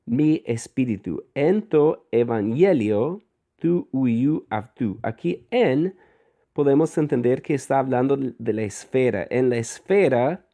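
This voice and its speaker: Male teacher, slow and deliberate, dark mellow tone, stops to parse and correct himself. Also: medium pitch, creaky. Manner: frequent fillers and self-corrections. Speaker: Koine Greek teacher. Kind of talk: guided reading lesson.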